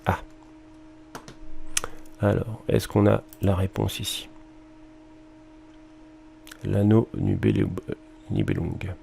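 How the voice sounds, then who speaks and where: A man's voice: lowish voice, flat delivery, slow, creaky, pauses often, warm tone, a little hiss or hum. A male music teacher with a French accent, talking students through a research worksheet and thinking aloud with fillers and mild exclamations. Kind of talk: screen-recorded lesson walkthrough.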